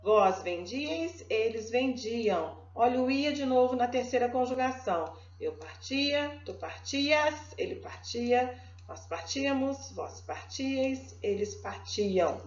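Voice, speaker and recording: A Brazilian woman teaches an online grammar lesson and stretches out each verb form slowly. She keeps checking in with her class. Her voice sits a little high, and the lo-fi recording has a roomy echo. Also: animated. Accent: Brazilian Portuguese. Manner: slow, drawn-out verb conjugation drills; checks in often with "tá?". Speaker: Portuguese language teacher. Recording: echoey room, dull lo-fi sound.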